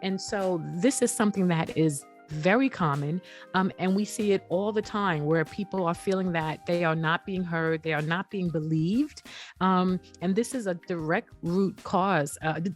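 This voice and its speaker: A woman guest on a podcast interview, explaining earnestly and often saying "you know.". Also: lowish voice. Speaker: guest, app founder.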